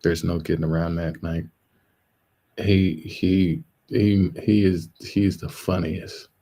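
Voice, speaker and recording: A man's voice: deep voice, fairly even intonation, takes it slowly, dark tone, rough recording. A man hosting a live stream, talking in a loose, rambling, joking way that often breaks into laughs. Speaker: livestream host. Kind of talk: casual livestream commentary.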